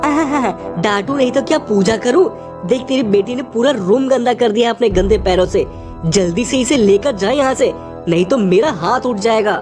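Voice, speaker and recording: A woman voicing a harsh rich woman who employs a maid, scolding and contemptuous, for an animated story. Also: medium pitch, moderate pace, over music, lightly acted.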